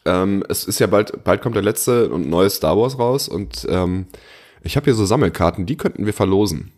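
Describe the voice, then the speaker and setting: Husky low man hosting a quiz. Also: normal speed. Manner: relaxed, rambling explanations with fillers. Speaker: podcast co-host running a quiz. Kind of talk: casual chat.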